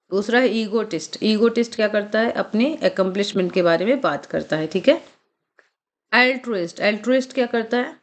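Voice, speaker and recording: A woman with a mid-range voice gives a recorded exam-prep vocabulary lecture, explaining the terms in Hindi. She reads English passages out slowly, drills pronunciation word by word, and often checks in with her students through short questions.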